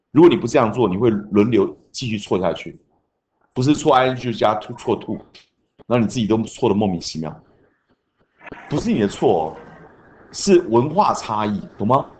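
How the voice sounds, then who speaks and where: A male teacher lectures a class, and his pitch swings up and down a lot. He chants grammar rules like mnemonics, with a faint hum of the classroom behind him. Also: expressive, normal speed, long pauses. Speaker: junior high English teacher.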